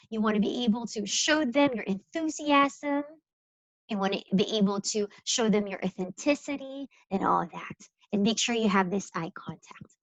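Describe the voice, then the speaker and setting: A woman's voice: a little high, a bit bright, no room sound, poor audio. A woman presenting a career webinar over a video call, stressing points emphatically and asking the listeners questions. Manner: emphatic, addresses listeners directly with rhetorical questions. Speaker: employer representative presenting on interviewing.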